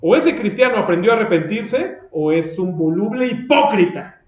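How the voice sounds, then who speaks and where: Mexican male pastor, high voice, fiery and blunt sermon, roomy echo. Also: lively intonation, moderate pace. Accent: Mexican Spanish. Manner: fiery and confrontational, with mocking asides. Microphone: recorded for video. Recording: roomy echo, dull lo-fi sound.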